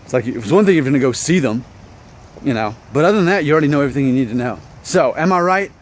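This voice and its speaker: Racing along in an expressive, medium-pitched voice, a vlog host in his thirties shares opinions with his viewers. The tone is casual and self-deprecating, and rhetorical questions come one after another.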